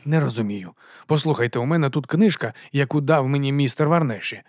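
A man's voice: medium pitch, a little fast, darkish tone, no echo, studio quality, lightly acted. A man doing Carrot, an eager naive recruit. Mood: earnest, puzzled. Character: young earnest giant of a man, naive recruit.

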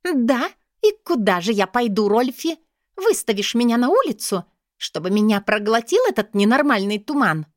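A woman voicing a hysterical young noblewoman who sneers and shouts. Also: big pitch swings, moderate pace, dry recording, clean studio sound. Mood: scornful. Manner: sneering, shrill outbursts.

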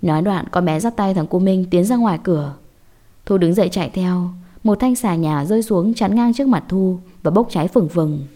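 A woman telling a scripted horror story in a measured, dramatic way. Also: fairly low pitch, dark tone.

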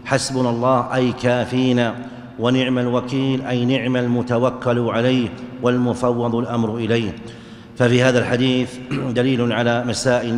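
A man teaches a religious lesson in a calm, measured voice, explaining each text step by step and breaking into a chanted tone when he quotes verses. His pitch stays flat and even throughout. The sound rings in a large hall with a long, echoing tail. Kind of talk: explaining hadith in a lecture. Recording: echoey hall with long reverb.

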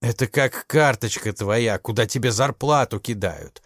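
A man plays a sly schemer trying to talk his way out with money. The delivery is slow and coaxing, near a plain middle voice. The recording is dry and close. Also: medium pitch, a bit bright, no room sound. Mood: persuasive. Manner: persuasive, slow, wheedling.

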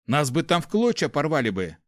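A man's voice: a little high, big pitch swings, a little fast, no echo, studio quality, voice pushed up. A man voicing a middle-aged male mercenary leader in an audiobook, matter-of-fact and smirking. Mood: wry. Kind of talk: audiobook character voice.

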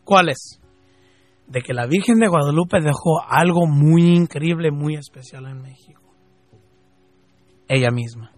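Fervent Mexican man, husky voice. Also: a little high, no echo. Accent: Mexican Spanish, from Jalisco. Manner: fervent, rising to emphatic questions, then slow and drawn out. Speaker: radio host.

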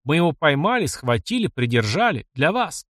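A man voicing a terrified, bearded bandit who begs hoarsely for his life. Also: on the high side, very animated, normal speed, fairly bright tone, no echo, clean studio sound. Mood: desperate pleading. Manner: pleading, hoarse. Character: beaten bearded male bandit, groveling and terrified.

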